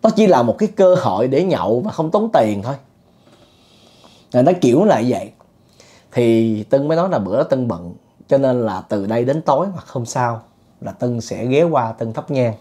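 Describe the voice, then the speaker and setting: A man recounts a spooky tale in a relaxed, conversational way. His voice sits at an ordinary pitch with a dark, mellow tone. He talks loosely, with fillers and the odd chuckle. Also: normal speed. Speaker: ghost story teller. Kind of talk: casual spoken storytelling.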